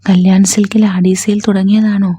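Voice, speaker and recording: A woman voicing an excited young male student who hurries to share news. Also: mid-range voice, husky, close to an everyday voice. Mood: urgent. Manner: hurried, breathless telling.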